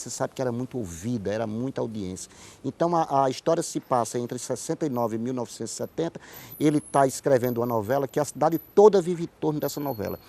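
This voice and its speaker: A writer and playwright from Paraíba in Northeast Brazil, speaking with a Northeastern Brazilian accent, is a guest in a conversational interview. His mid-range voice is creaky and darkish, and as he tells stories he often repeats words and phrases for emphasis.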